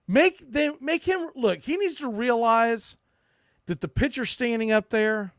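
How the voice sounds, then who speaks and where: Speaking unhurriedly in an extremely high, fairly bright voice, this man hosts a sports podcast with opinionated, off-the-cuff baseball commentary. He's blunt and emphatic, frequently restarting and repeating himself, and the studio sound is clean with no echo.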